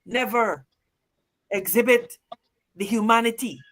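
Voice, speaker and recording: A woman's voice: fairly high pitch, measured pace, a bit bright. A woman, an opposition politician, speaking emphatically and repeating phrases for force, while her video call stream keeps dropping in quality and breaking up. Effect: stream quality dropping, audio breaking up. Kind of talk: impassioned political commentary as a remote guest.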